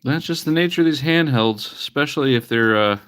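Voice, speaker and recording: With a clear, resonant, fairly bright voice of medium pitch, this man talks fairly quickly on a live stream while scrubbing an old handheld. He fixes retro handhelds, and his casual chatter carries wry, mock-disgusted remarks plus some allergy sniffles.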